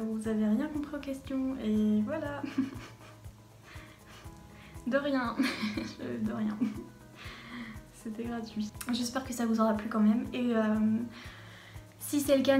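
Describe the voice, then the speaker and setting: A woman's voice: on the high side, a little mellow. Chatty young French-speaking woman, echoey room. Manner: chatty, self-mocking, laughs often. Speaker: book vlogger. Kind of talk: casual book tag vlog.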